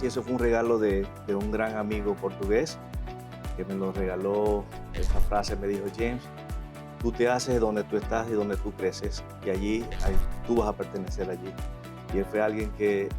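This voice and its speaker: A man's voice: lowish voice, fairly even intonation, normal speed, music in the background. A middle-aged man from Venezuela, a guest in an interview, telling his story reflectively with many fillers.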